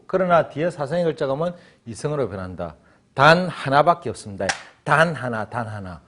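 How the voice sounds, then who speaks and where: A man gives a Chinese lesson, his voice sitting a little high and swinging widely up and down. He jokes as he teaches and acts out small scenes. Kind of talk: lively classroom lecture.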